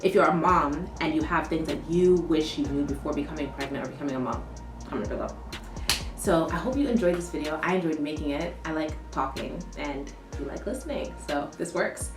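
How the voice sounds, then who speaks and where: Woman, young, low-pitched, chatty, filler-heavy, echoey room. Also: fairly quick. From born in the US, raised in London. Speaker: vlogger, new mother. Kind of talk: casual chat to camera. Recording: roomy echo, heard from a distance, faint music behind.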